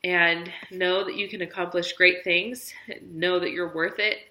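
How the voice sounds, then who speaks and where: A woman's voice: lowish voice, steady tone, measured pace, bright, forceful tone, reverberant, rough recording. A woman in her thirties telling her personal story in a vlog, earnest and encouraging, tired and near tears at times. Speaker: vlogger sharing her weight-loss business story.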